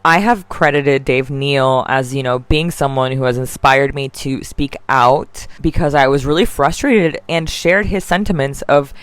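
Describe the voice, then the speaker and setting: Woman commentator, deep contralto, chatty and opinionated, lots of fillers, dry close sound. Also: no room sound. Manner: chatty, heavy on fillers, frequent restarts. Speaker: online drama commentator.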